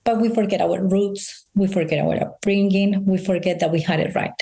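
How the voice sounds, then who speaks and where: Her medium-pitched voice is warm and a bit creaky, steady in tone and moderate in pace. A Spanish-speaking integrative health practitioner from Colombia with a Colombian accent, she earnestly tells personal stories as an interview guest, often restarting and saying "you know."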